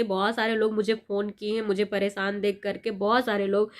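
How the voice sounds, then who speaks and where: A young woman vlogger speaking passionately and indignantly to her viewers, recounting an incident. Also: on the high side. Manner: impassioned, indignant, addresses viewers directly. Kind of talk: emotional first-person vlog recounting an incident.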